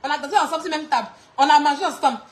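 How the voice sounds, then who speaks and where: Very high-pitched mocking woman. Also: very fast. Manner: mocking, often laughing while talking. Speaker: online clash streamer. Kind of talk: insulting clash rant.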